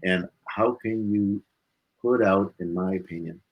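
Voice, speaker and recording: A husky, fairly low-voiced man speaks a little slowly as a guest in an interview, sounding casual and reflective. He is emphatic, returning again and again to his key points, over dull audio.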